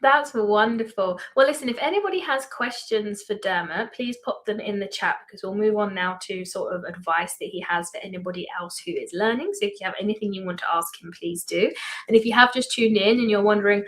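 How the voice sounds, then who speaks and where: A woman's voice: mid-range voice, brisk, a bit bright. A woman hosting a casual livestream interview as a language teacher, upbeat and full of effusive praise. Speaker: language program host and teacher.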